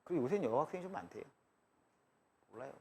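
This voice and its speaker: A man's voice: mid-range voice, sing-song, fast, creaky, warm tone, slightly rough. A man teaching math in a live classroom lecture, chatty and joking, drifting between asides and explanation. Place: lecture room.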